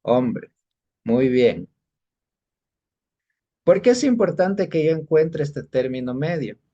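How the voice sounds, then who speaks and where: A man's voice: fairly high pitch, big pitch swings, takes it slowly, dark tone, highs cut off. A male teacher giving an exam-prep lesson, explaining patiently and often stopping to check that students are following. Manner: patient explaining, keeps checking in with short questions.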